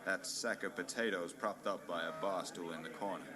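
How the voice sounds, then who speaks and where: In a noir radio play parody, a man voices a hard-boiled private detective who is pompous and bumbling, narrating with deadpan melodrama and a world-weary mood. His voice is low and fairly quick.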